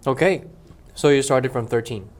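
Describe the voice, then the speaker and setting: A man's voice: medium pitch, moderate pace. Man hosting an interview show. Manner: upbeat, promo-style greeting. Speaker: show host. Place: office meeting room.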